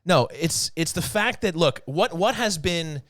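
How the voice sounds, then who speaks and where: An excitable New York man co-hosting a hockey show, his pitch swinging high and low as he talks. The sound is dry and close, with no room around it. He laughs easily and builds his points with rising energy. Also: unhurried, no echo. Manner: animated, laughs often, answers his own questions. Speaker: podcast co-host.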